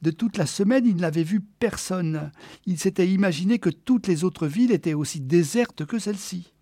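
A man reading a short story aloud as an audiobook, expressive and slowing down for the quiet moments. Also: sits high, dry recording.

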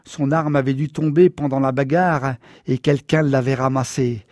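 A man reading a novel aloud in the first person, measured and somber. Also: mid-range voice, steady tone, a little mellow, no echo, clean studio sound. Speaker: audiobook narrator. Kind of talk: scripted first-person narration.

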